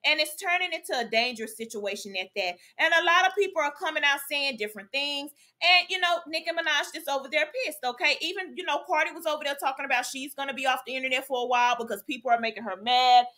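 A woman's voice: high voice, fast talker, few pauses, pushed and bright. A woman vlogger chatting sassily through celebrity gossip, calling her viewers y'all and child and tagging her lines with "okay?". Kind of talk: casual gossip commentary.

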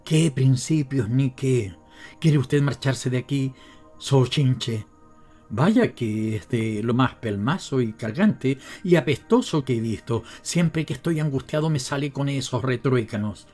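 A man's voice: medium pitch, a little slow, faint music behind, close to an everyday voice. A man voicing a raging, grief-stricken old miser. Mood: furious. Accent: Latin American Spanish. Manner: shouting, bitter, raging. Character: furious grieving miserly old father.

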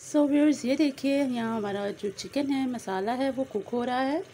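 A high-pitched, mellow woman speaks at a normal speed, guiding her cooking-channel audience through a recipe one step at a time. She keeps it friendly, addressing viewers directly and dropping in English words. Recorded by phone in her home kitchen, the audio is noisy from a pan sizzling and frying.

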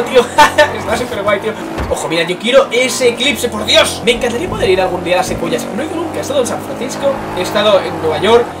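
A man giving excited, casual commentary while playing a racing game. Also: extremely high pitch. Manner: exclaiming, lively, casual slang. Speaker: gaming youtuber. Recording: distant mic with loud game music.

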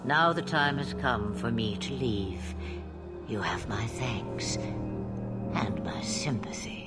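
An actress playing an ancient, cryptic dragon witch in a video game, speaking in a deliberate, portentous way with a whispery edge. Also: extremely low pitch, lively intonation, over loud music, heavily acted. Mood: solemn, cryptic.

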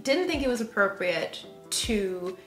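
A woman's voice: medium pitch, animated, a little slow, fairly bright tone, soft background music. A woman co-hosting a casual home video with playful, wry joking. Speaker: co-host. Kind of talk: casual chat. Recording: echoey room.

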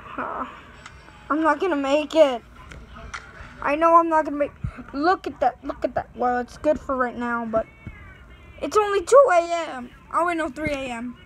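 A woman's voice: high-pitched, steady tone, normal speed, pauses often, fairly bright tone, rough recording. A woman giving nervous let's play commentary, sounding scared and pleading with her fans. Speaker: gaming channel host.

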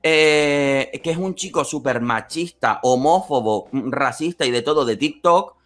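A man hosting a casual chat, animated and joking with some swearing. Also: medium pitch, measured pace. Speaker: host.

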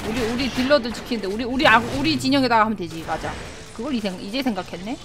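A woman streaming a game live, excitable, often shouting and laughing and answering her chat. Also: on the high side, fast. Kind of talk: live gameplay commentary. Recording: game music playing clearly behind. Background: game music.

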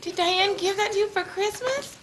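A high-voiced woman narrates a family home video from behind the camera, chatty and cheerful as she points things out. Her voice comes through a built-in camcorder mic onto an old VHS tape with steady hiss underneath. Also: normal speed. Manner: chatty, laughing, cheerful commentary while filming. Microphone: built-in camcorder microphone.

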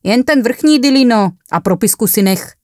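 A woman's voice: a little high, animated, a little mellow, dry recording, studio quality, voice pushed up, close to an everyday voice. A woman voicing a rude, impatient young male paramedic who barks orders and mocks in coarse slang, in a horror story reading. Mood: mocking, impatient.

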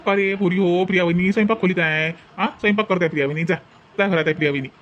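A man voicing a hurried, flustered husband in a village cartoon. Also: high-pitched, fairly even intonation, muffled recording, a little hiss or hum. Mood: teasing. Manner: fast and flustered. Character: hurried husband late for office.

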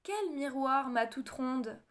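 A worried king and father bursts out in agitated, raised lines, voiced by a woman reading a storybook. His voice stays high and tight with fret. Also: lively intonation, takes it slowly. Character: anxious king, fretful father.

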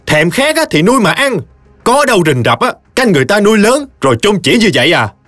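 A man's voice: high-pitched, big pitch swings, fast, pitched above the performer's own voice, full character voice. A man voicing a foul-mouthed old village woman who screams curses, with a Mekong Delta Vietnamese accent. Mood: screaming curses. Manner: screeching curses, cursing in long rants. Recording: dry close studio voice, soft music behind.

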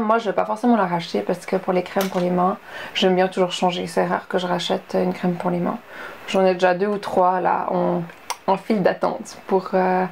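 A woman's voice: mid-range voice, creaky, a little hiss or hum. A young woman chatting casually through a beauty product review, full of fillers and asides. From Switzerland. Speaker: beauty vlogger.

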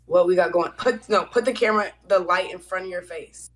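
A woman's voice: fairly low pitch, a little fast, rough recording. A woman on a video date show, chatting in a frank, laid-back way and swearing casually. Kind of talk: casual chat.

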